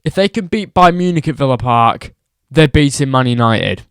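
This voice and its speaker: A man's voice: medium pitch, animated, normal speed, fairly bright tone, clear, resonant tone, no echo, clean studio sound. A young man ranting about football results, exasperated and repeating his points for emphasis. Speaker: football vlogger.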